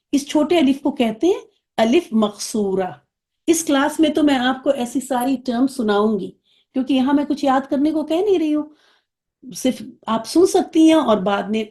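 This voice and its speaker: Woman teacher, fairly high and mellow, patient explainer, checks in with students. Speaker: Arabic teacher. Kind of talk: online class lesson.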